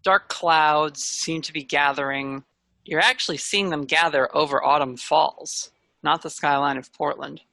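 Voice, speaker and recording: A game master recapping and running a tabletop adventure in a casual, conversational way. The voice is bright with a gravelly creak, recorded close and dry. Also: medium pitch, steady tone, a little slow, dry recording. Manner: casual and conversational, slipping between recap and banter. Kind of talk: narrating a tabletop role-playing game.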